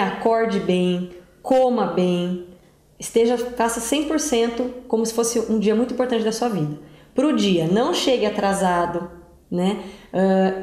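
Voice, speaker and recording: A woman giving job-interview advice in a casual, direct, conversational way with lively emphasis. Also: mid-range voice, reverberant. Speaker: career tips presenter.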